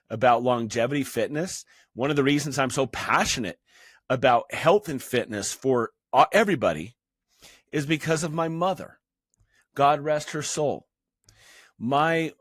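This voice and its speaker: A man's voice: mid-range voice, no echo. Earnest middle-aged man, dry sound. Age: 50s. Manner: earnest, halting with many restarts. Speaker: fitness channel host. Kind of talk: personal talk to camera.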